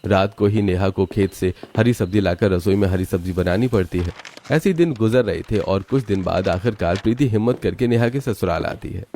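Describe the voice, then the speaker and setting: A man narrating a cartoon story in a steady, matter-of-fact way. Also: low voice, brisk, slight background noise.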